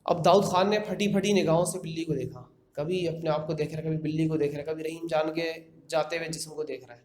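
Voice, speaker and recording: A man's voice: a little high, steady tone, darkish tone. A man casually retelling a horror story in his own words, conversational, with fillers and repeated phrases. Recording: echoey room with faint background noise.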